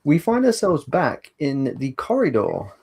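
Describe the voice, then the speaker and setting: A man with a gravelly, husky voice, narrating a tabletop role-playing game as game master in a measured, descriptive way. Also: fairly high pitch, wildly swooping pitch, darkish tone.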